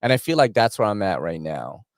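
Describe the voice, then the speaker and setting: A man's voice: lowish voice, sing-song, a little fast, no room sound, clean studio sound. A man, hosting a casual, rambling knife-channel chat full of slang. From New York City. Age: 40s. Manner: rambling, laughing, slangy with frequent filler.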